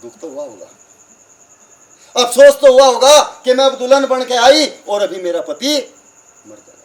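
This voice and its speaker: A man, preaching at a satsang as a lively storyteller who acts out the dialogue and asks the crowd questions. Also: extremely high pitch, normal speed. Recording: far from the mic, crickets in the background.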